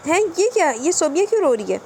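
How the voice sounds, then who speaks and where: A woman's voice: high voice, darkish tone, slight background noise, close to an everyday voice. A woman doing a nosy chatty older lady. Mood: breezy nosy.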